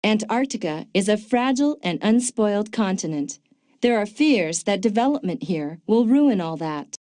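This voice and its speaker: A woman voicing a smart, dry-witted female agent in a video game, calm and informative with a touch of sarcasm. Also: mid-range voice, normal speed, dry recording, lightly acted. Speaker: game character, field agent. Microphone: dry studio mic.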